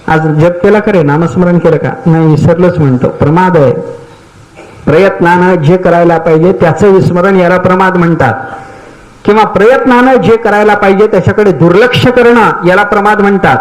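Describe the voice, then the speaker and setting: A man's voice: sits high, normal speed, low-quality recording. An older man giving a devotional discourse, explaining terms step by step and telling stories, often asking his listeners if they follow. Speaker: spiritual teacher giving a discourse.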